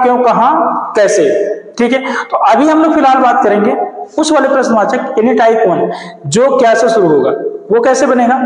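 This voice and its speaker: A man teaches grammar in a very high, light voice. He keeps asking questions and answering them himself. The sound has a long, hall-like reverb. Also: darkish tone. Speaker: English teacher. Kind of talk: classroom grammar lesson. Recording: roomy echo with long reverb.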